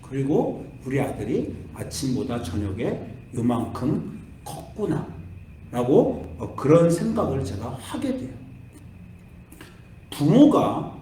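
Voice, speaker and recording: A man's voice: mid-range voice, a little hiss or hum. A middle-aged man preaching a sermon, telling a family story and acting out the voices of his son and himself. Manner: animated, acts out his son's and his own lines. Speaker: pastor. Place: church sanctuary. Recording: echoey church hall from far off.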